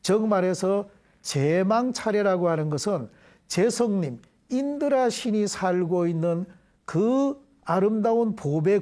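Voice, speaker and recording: A middle-aged man leading a Buddhist prayer and explaining scripture terms to a class in a deliberate, measured way. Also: sits high, a little mellow. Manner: deliberate, measured, leads call-and-response repetition. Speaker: Buddhist dharma teacher. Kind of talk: devotional prayer and explanatory dharma lecture.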